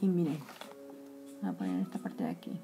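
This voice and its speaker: She has a very deep, bass voice with a sing-song lilt and talks fairly quickly over music. A makeup vlogger in her forties with a Mexican accent, she chats straight to viewers during a live tutorial from a small room, calling them girls and trailing into whispers while putting on makeup. A phone or webcam records her at close range.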